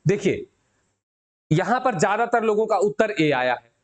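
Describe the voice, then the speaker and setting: High-voiced male teacher, slow and deliberate. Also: very animated. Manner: addresses viewers as friends, asks and answers his own questions; slows and stretches out key words. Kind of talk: live exam-prep grammar lesson.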